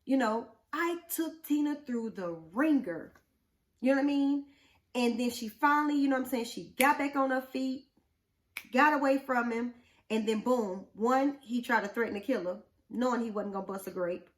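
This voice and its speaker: Blunt, animated woman co-host. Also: on the high side, moderate pace. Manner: blunt, animated storytelling with rhetorical questions. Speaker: podcast co-host. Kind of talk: casual chat.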